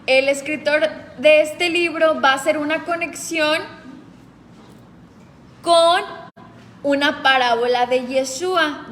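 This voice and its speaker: A woman's voice: high voice, a bit bright, big-room sound, slight background noise. A woman leading a group Bible study, explaining patiently and asking the group questions.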